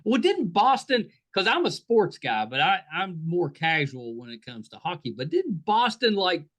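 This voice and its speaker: High-pitched and very animated, a man hosts a podcast and keeps the interview with his guest casual, friendly and chatty, poking fun at himself. His pace is moderate and his tone fairly bright.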